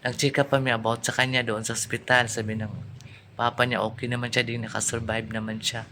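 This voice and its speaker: Grieving man with a bright voice. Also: medium pitch, flat delivery, a little fast, slight background noise. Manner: grieving, repeats himself, often addresses viewers as guys. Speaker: vlogger. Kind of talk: emotional personal storytelling vlog.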